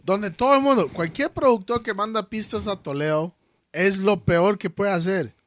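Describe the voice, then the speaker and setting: A man's voice: high voice, moderate pace. A man with a Costa Rican accent, a podcast co-host making his case emphatically over the others. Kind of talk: casual podcast argument.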